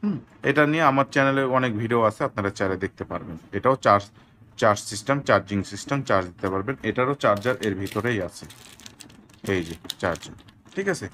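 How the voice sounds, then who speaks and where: A man from Bangladesh selling drones, giving a slow, deliberate product demo with a lot of repetition. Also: fairly low pitch, fairly bright tone, slight background noise. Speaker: drone seller.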